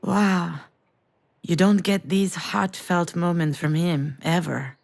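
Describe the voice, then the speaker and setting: A woman's voice: fairly low pitch, slow, vocal fry, darkish tone. A woman streamer giving wry commentary on the story of a game she is playing. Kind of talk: gameplay commentary and reading.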